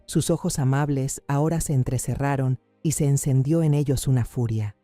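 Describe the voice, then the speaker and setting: A man's voice: medium pitch, moderate pace, mellow, dry recording, faint music behind. A man reading a somber, dramatic first-person story as scripted narration.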